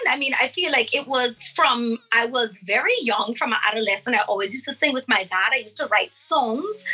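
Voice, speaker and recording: A woman's voice: a little high, sharp tone, breathy edge, rough recording. A Bahamian woman in her thirties, a singer chatting as a guest in an interview and laughing often. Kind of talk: casual interview.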